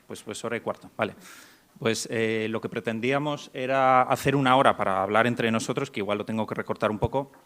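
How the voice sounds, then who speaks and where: In a conference hall, a Mexican man moderates a medical panel and introduces the speakers, restarting and hesitating frequently with many fillers. His voice is fairly low and fairly bright, with fairly even intonation and a slightly quick pace.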